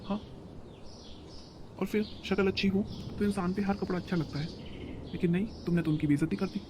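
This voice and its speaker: Guy doing a fed-up young husband in a cartoon, high fast voice, noisy background. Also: fairly even intonation, close to an everyday voice. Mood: frustrated. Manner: reasoning, frustrated. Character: exasperated young husband, pleading for peace. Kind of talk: cartoon story voice acting.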